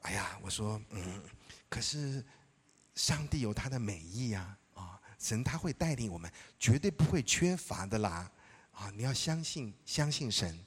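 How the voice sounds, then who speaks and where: A middle-aged male pastor preaching a sermon, telling personal stories in a lively way, acting out dialogue and often laughing. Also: lowish voice, measured pace, breathy edge.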